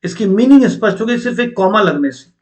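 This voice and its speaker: High pitched guy teaching an exam prep class online, keeps asking students questions then answering. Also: expressive, brisk, darkish tone. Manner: explanatory, addresses students directly with rhetorical questions.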